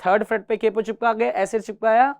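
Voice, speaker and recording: A man's voice: high-pitched, steady tone, brisk, gravelly, no room sound. A man teaching a guitar class, patiently counting beats aloud and mixing English terms into his explanations. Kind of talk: classroom music lesson.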